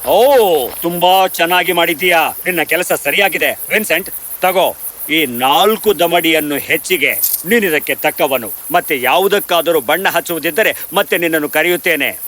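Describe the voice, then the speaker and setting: A man's voice: a little high, moderate pace, a bit bright, lightly acted. A man voicing a kindly, rich middle-aged male merchant in a cartoon story, speaking earnestly. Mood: pleased.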